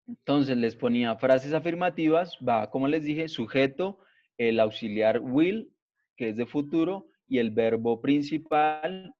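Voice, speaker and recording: A male teacher giving an online grammar class, explaining slowly and patiently and checking in after each point. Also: medium pitch. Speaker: English teacher. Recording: dull lo-fi online class audio.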